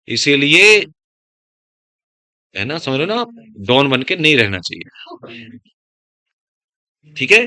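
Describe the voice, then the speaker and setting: A male teacher lecturing a classroom of students, his heavy voice easily mistaken for scolding. His tone is sharp and forceful and sits fairly high for a man. The sound is close and dry. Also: dry recording. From Uttar Pradesh, India. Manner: speaks of his own heavy, stern-sounding voice; addresses students as beta, digresses into life advice. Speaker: biology teacher.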